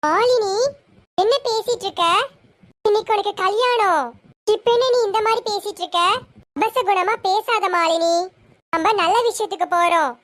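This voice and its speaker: A woman's voice: very high voice, normal speed, long pauses. A woman voicing the bride's mother, soothing and firmly scolding by turns, in an amateur serial. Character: caring mother of the bride, firm.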